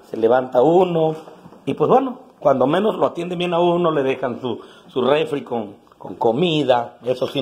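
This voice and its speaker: A man in his forties with a coastal Guerrero Mexican accent vlogs casually into a phone held at arm's length, starting inside a house and moving out to a roadside. He talks colloquially, earthy and salty, in a medium-pitched, slightly mellow voice with a breathy edge.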